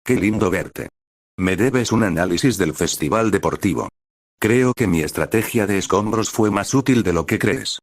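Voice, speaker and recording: A man reading the lines of a cheerful, determined teenage hero girl in an even, unchanged voice. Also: lowish voice, normal speed, dry recording, studio quality. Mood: earnest. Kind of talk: scripted fanfic reading.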